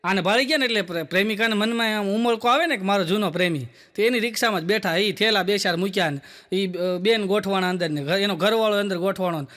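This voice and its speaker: Stand-up comic, male, chatty storyteller, very high pitch, a sharp, bright tone. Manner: chatty joke-telling, quick quoted dialogue. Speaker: stand-up comedian. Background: audience laughter.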